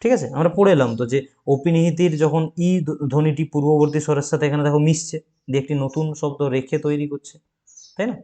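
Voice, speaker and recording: A male teacher running an exam-prep grammar lesson. He keeps asking questions and answering them himself, and he repeats key words, dragging them out slowly. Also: fairly high pitch, fairly even intonation, dark tone. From West Bengal.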